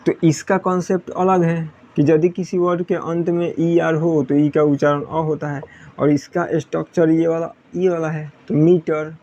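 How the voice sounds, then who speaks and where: A man's voice: a little high, little pitch movement, moderate pace, warm tone, lo-fi sound. A man teaching English pronunciation in a classroom style, repeating points and asking questions he answers himself. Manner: repetitive, asks students questions then answers.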